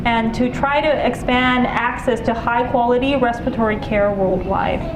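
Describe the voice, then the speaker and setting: A woman introducing a speaker at an event, reading in a halting way with many fillers. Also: on the high side. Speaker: event presenter. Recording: echoey hall with background noise.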